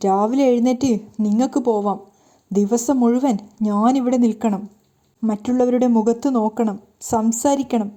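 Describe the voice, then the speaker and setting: A woman voicing a hurt young wife who loudly reproaches and pleads with her hot-tempered husband. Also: a little high, steady tone, measured pace, natural voice. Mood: tearful pleading.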